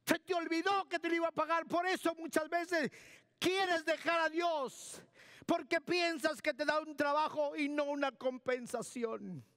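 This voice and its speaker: A man preaching a sermon with a strikingly high, piercing voice. He hammers key words by repeating them and calls out instructions to the booth. The sound is close and dry, with almost no room echo. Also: steady tone, a little slow, fairly bright tone. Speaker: pastor. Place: church.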